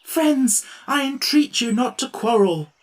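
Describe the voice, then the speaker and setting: Woman voicing a gentle, kindly Tin Woodman. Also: on the low side, animated, a little fast, pitched above the performer's own voice, close to an everyday voice.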